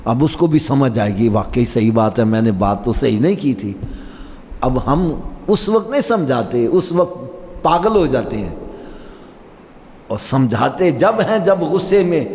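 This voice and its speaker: A man's voice: mid-range voice, slight background noise. A middle-aged man preaching a sermon, telling stories and speaking directly to his listeners. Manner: animated, storytelling with rising emphasis and asides to listeners. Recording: long reverb hall with faint ambience.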